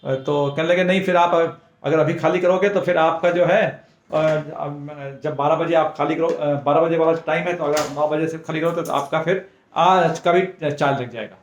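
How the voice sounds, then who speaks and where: A man's voice: a little high, steady tone, moderate pace, reverberant, a little hiss or hum. Chatty man vlogging on his phone. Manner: chatty, addresses viewers directly. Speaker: travel vlogger. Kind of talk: casual travel vlog narration.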